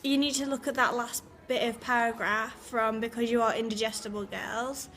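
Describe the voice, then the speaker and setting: A woman giving a classmate feedback in a casual, hesitant way, with plenty of "like". Her voice sits a little high. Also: fairly even intonation, normal speed, fairly bright tone. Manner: hesitant, full of "like". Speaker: drama student giving peer feedback.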